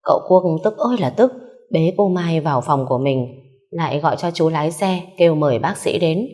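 A woman narrating a story in an even reading voice, giving the characters' lines a little more force. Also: sits low, brisk.

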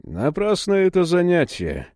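Man doing a cold, bassy henchman. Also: measured pace, no room sound, clean studio sound, heavily acted. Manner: bass, calm, indifferent interrogation.

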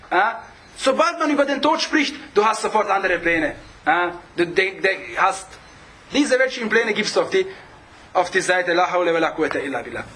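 A man giving an informal religious talk, sprinkling in Arabic phrases, often checking in with a quick question and chuckling as he explains. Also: high voice, pushed and bright. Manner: peppers speech with Arabic phrases and asks "ja?" often; chuckles while explaining, restarts words. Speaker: religious lecturer.

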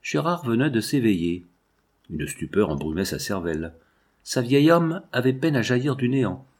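A man narrating a novel aloud as an audiobook reader, in a measured, even way. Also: mid-range voice.

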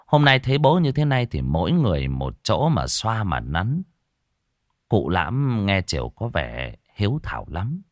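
A man narrating a ghost story in a lively, folksy, colloquial way. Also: lowish voice, unhurried, no echo, studio quality.

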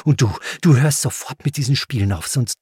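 A man voicing a strict, furious mother in an audiobook, snapping and scolding, a little above his own pitch. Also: brisk, a little mellow, husky, no room sound, clean studio sound.

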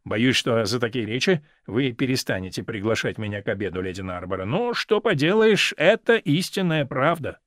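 A man reading aloud and voicing a witty, cynical aristocratic gentleman who speaks in urbane, ironic epigrams. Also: medium pitch, big pitch swings, moderate pace, few pauses, no echo, clean studio sound.

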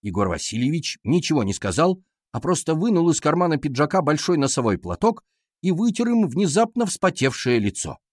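A man reading a children's story aloud as scripted narration, lively and expressive. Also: on the high side, a little fast, no echo, clean studio sound. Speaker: audiobook reader.

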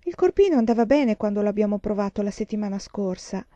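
A woman's voice: mid-range voice, animated, fast talker, dark tone, dry recording, highs cut off, lightly acted. A woman reading the part of a firm, old-fashioned mother in a storybook, speaking in a matter-of-fact way. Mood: puzzled.

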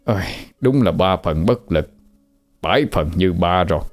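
A man's voice: low-pitched, expressive, moderate pace, soft background music. A man voicing a flustered old village husband, stammering in exasperation.

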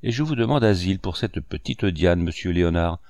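A man's voice: deep voice, expressive, fairly quick, a little mellow, dry recording, clean studio sound. A man voicing an eager, courteous young man in a storybook reading. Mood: earnest.

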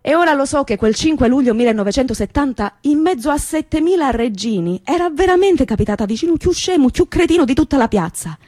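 An actress with a Calabrian accent playing a young woman from Reggio, telling her memories in a lively, colloquial theatrical monologue. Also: high-pitched, quick pace, few pauses, soft background music. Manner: lively storytelling, repetitive and colloquial.

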